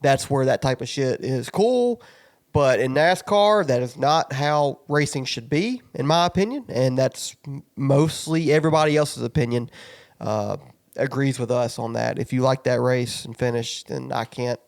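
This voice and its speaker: Male podcast co-host, mid-pitched, casual and exasperated sports rant with swearing. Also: moderate pace, creaky.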